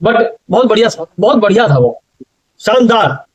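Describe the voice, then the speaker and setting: High-voiced young man telling a funny story. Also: a little slow, slightly rough, dull audio. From India. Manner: animated, laughing at his own story. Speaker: vlogger. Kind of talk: casual storytelling.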